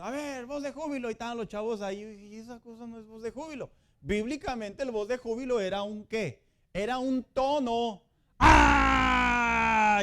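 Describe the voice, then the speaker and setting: Preaching a Sunday school sermon, this middle-aged pastor calls his audience "hermanos," brothers and sisters, and cracks jokes along the way. His voice sits high for a man, and his manner is lively.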